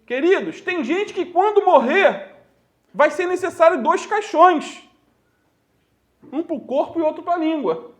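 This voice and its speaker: High-voiced Brazilian preacher. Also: male voice, animated. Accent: Brazilian Portuguese. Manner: storytelling preacher addressing the congregation as "queridos" and "irmãos"; slows down to stress key phrases. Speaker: pastor. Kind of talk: sermon.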